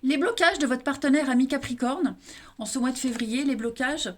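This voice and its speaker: With a high voice and normal speed, this tarot reader offers a monthly card reading directly to her viewers. She has an eastern French accent and habitually adds "hein" to her sentences.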